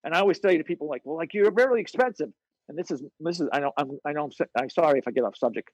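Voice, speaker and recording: Man, fitness coach, podcast guest, husky, dry close sound, blunt and profane. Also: fairly high pitch, rapid-fire, dry recording, lo-fi sound. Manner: blunt, profane, animated storyteller. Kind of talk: casual interview storytelling.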